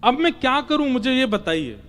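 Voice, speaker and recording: A man's voice: very high voice, big pitch swings, normal speed, a bit bright, voice pushed up, full character voice. A man doing a torn young warrior. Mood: pleading. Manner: exasperated, complaining.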